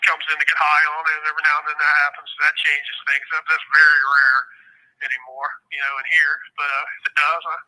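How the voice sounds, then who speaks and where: A man's voice: on the high side, little pitch movement, quick pace, sharp tone. A man, a prison inmate, talks over a prison phone call in a casual interview, blunt and profane, rambling with lots of fillers. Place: prison cell.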